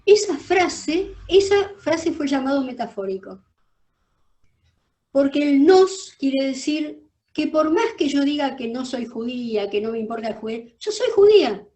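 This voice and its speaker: A woman's voice: high-pitched, unhurried. Emphatic older woman with a Rioplatense accent. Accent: Rioplatense Spanish. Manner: emphatic, animated, repeats words when she restarts. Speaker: guest. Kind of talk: personal storytelling in an interview. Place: her office.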